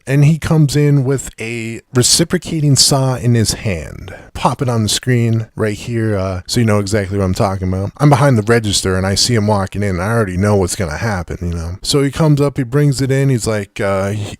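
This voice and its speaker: A young man with a low voice casually recounts retail job stories for his vlog. He rambles, filling gaps with "like" and "you know" and restarting sentences. The recording is close and dry, with no room sound. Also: no echo. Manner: rambling, many fillers and restarts. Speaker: vlogger.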